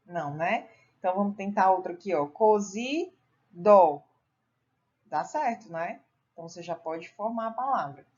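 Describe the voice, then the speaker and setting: A woman's voice: fairly low pitch, brisk, highs cut off. A woman teacher patiently explaining a workbook lesson step by step, often ending with tag questions. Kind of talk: recorded classroom lesson walking through a workbook.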